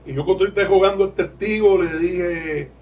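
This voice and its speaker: Candid Puerto Rican lawyer, fairly high voice. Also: male voice, a little fast, darkish tone, recorded from a distance, slight background noise, low-quality recording. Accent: Puerto Rican Spanish. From Puerto Rico. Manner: candid, digressive, laughs while explaining. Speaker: lawyer and legal aid board president, guest. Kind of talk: podcast interview.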